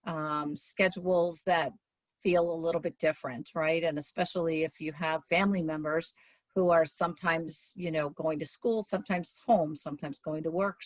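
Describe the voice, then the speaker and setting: A woman giving a conversational presentation to a community meeting over a video call, often checking in with "right?" and filling pauses with "um". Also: fairly low pitch, no room sound. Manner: chatty, tags points with "right?" and fills with "um".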